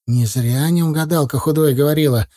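A man reads a first-person audiobook in a calm, steady manner. His voice is warm and mellow. The recording is dry and close-miked. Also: on the high side, a little fast, dry recording. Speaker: audiobook narrator.

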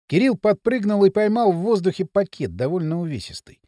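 A man narrating an audiobook with an expressive, dramatic reading. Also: sits high, a little fast, no echo, clean studio sound. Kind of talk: scripted narration.

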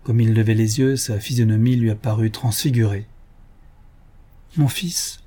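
A man narrating an adventure novel as an audiobook in a measured storytelling way. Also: on the low side, flat delivery, dark tone.

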